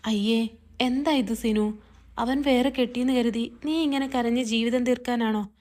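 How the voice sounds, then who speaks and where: A woman's voice: a little high, steady tone, measured pace, darkish tone, lightly acted. A woman voicing a caring older brother who soothes and advises his sister in a read-aloud family story. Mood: comforting.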